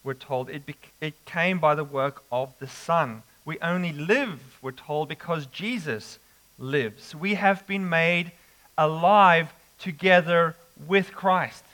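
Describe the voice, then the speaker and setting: Slow, emphatic male preacher. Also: a little high, bright, forceful tone, low-quality recording. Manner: slow, emphatic delivery with dramatic pauses. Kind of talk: expository sermon.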